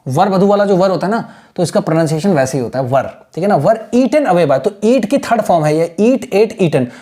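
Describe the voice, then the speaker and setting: Male teacher, slow and patient, warm mellow tone, word-by-word explanations. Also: high voice, expressive. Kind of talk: explaining a textbook lesson.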